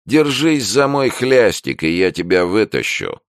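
A man reading an audiobook who voices a big, cocky red-haired brawler, speaking loudly and slowly with a swagger. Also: on the low side, very animated, pitched above the performer's own voice. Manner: loud, slow, swaggering.

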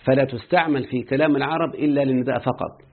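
A man's voice: medium pitch, quick pace, slightly rough. A man with an Egyptian accent teaching an Arabic grammar lesson and often quizzing his students. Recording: muffled phone-like lo-fi audio.

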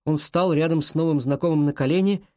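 An audiobook narrator reading a children's fantasy story in a calm, even manner. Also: medium pitch, a little fast, no room sound, studio quality.

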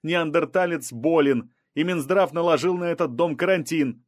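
A man voicing a male doctor urgently shouting warnings to leave. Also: medium pitch, lively intonation, moderate pace, no echo, studio quality, close to an everyday voice.

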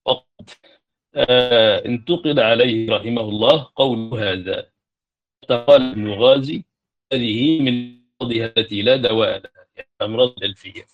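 A man teaching Arabic grammar in a classroom lecture, explaining step by step with hesitant fillers and self-corrections, and reciting verses in a slower chant. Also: mid-range voice. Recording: dull lo-fi lecture recording.

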